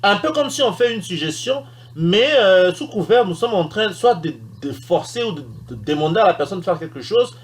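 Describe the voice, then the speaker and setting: Lively high-voiced man teaching English. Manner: explains slowly, repeats English example sentences with emphasis. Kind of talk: recorded language lesson.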